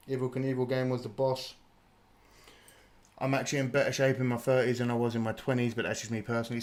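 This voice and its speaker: A British man in his thirties hosting a live watch party stream, chatting and joking with viewers and laughing often. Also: mid-range voice. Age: 30s. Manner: chatty and jokey, laughs often, swears casually. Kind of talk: live reaction chat.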